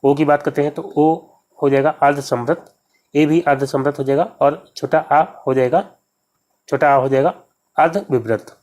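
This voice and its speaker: A man's voice: a little high, fairly even intonation, moderate pace, a little mellow. A man teaching exam questions, walking through each answer step by step and often repeating key words to his viewers. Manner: repetitive, addresses viewers as friends. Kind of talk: explaining quiz answers.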